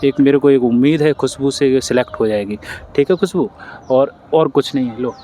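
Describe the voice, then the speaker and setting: A man's voice: medium pitch, a little fast, dark tone. Male host, mid-range voice, earnest and comforting, faint noise behind. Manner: earnest, consoling. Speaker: interviewer, channel host. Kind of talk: interview and appeal to viewers.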